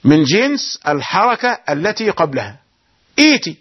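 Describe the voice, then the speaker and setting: Man, high voice, recitation teacher, explains then chants verses slowly, dull lo-fi sound. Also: animated, slightly rough. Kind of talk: tajweed lesson with chanted verses.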